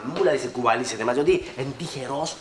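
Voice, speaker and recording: A man with a Cypriot accent in sitcom dialogue, excitable and blustering. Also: mid-range voice, roomy sound, slight background noise. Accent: Cypriot Greek. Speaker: sitcom actor.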